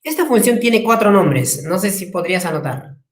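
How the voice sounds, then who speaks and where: A man's voice: high voice, animated, moderate pace, roomy sound. A male language teacher giving a classroom lecture, repeating key terms, spelling words out and asking the class rhetorical questions.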